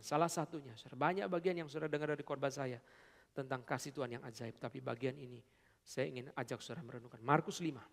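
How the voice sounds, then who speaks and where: A man preaching a sermon as pastor, swinging from fervent emphasis to quiet, tender passages while addressing his congregation. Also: medium pitch, gravelly. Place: church sanctuary. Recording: long church hall reverb.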